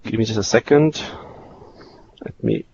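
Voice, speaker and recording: A man's voice: on the low side, unhurried, vocal fry, a little mellow. A man giving a technical webcast presentation, explaining slides in a hesitant, repetitive way. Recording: dull lo-fi webcast audio with hiss.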